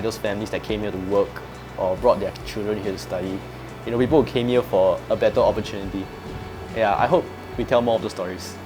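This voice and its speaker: A laid-back man, rambling easily and leaning on fillers. His voice sits a little low. Background music runs under him. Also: poor audio. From Singapore. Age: 20s. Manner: relaxed, chatty, lots of fillers. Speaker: vlogger. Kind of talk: casual chat to camera. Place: student's room indoors.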